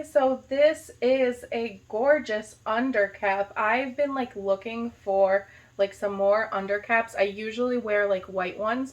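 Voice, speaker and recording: In a laid-back vlog, a young American woman who teaches high school opens a gift box, talking slowly in a somewhat high voice. Her native language isn't Arabic. Gushing over each item, she savors her delight and sprinkles in lots of "like" and "so cute."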